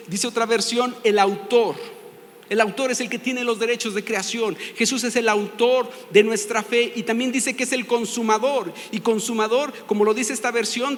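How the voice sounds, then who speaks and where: A man with a Mexican accent preaching a sermon in a church, with a very high voice. He stresses each point and keeps putting questions to the congregation. A long reverb from the large hall trails after his words. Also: a bit bright. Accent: Mexican Spanish. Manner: emphatic, asks the congregation questions. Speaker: pastor. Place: church sanctuary.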